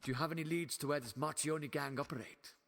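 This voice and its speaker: An actor playing a wry, authoritative older time-traveling doctor in a fan audio drama, with a theatrical delivery. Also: male voice, fairly high pitch, fast, creaky, a bit bright, in a large hall. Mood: explaining, absorbed.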